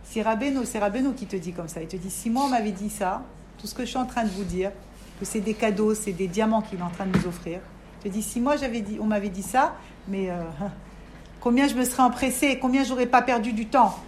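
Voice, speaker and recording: A woman teaching a religious class to a group of women, animated and talking straight to her listeners. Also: medium pitch, a little fast, slight background noise. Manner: animated, talks straight to listeners, acts out inner voices. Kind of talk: lively spoken religious lesson.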